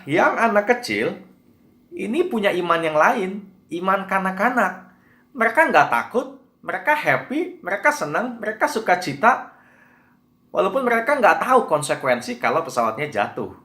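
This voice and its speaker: Male preacher, lively storytelling sermon, fairly high voice, roomy echo. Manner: animated storytelling, acting out screaming passengers.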